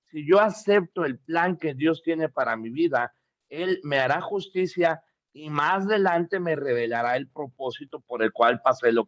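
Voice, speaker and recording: Emphatic preacher, dry lo-fi sound. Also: male voice, a little high, dry recording. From Mexico. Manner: emphatic, repetitive preaching with rhetorical questions to the congregation. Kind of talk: sermon.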